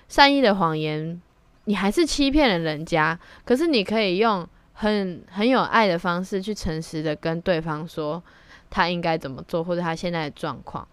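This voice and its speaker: A woman's voice: lowish voice, smooth, no room sound. A young woman hosts her own solo podcast, speaking candidly and reflectively and slipping in blunt slang. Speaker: podcast host. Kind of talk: casual solo podcast monologue.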